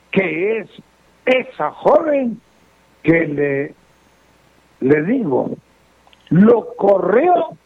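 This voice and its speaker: A man's voice: high-pitched, creaky, slightly rough, no room sound. A man, a radio advice host and fortune teller, answering listeners' letters in a stern, moralizing way. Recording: lo-fi radio broadcast.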